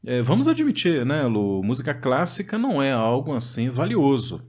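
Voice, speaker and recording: A man's voice: mid-range voice, wildly swooping pitch, moderate pace, crowd noise. A Brazilian man co-hosting a storytelling podcast, talking animatedly and turning to address the listeners directly. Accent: Brazilian Portuguese. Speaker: podcast co-host.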